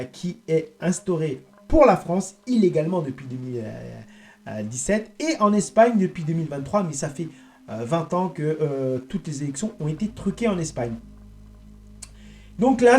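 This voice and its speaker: A man giving a rambling, indignant monologue to his viewers, halting and restarting as he goes. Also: sits high, a little mellow. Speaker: online political commentator.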